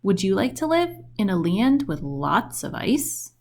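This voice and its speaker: A woman takes her time reading a children's book aloud, her mid-range voice expressive and story-like, with lines that lift in a questioning way.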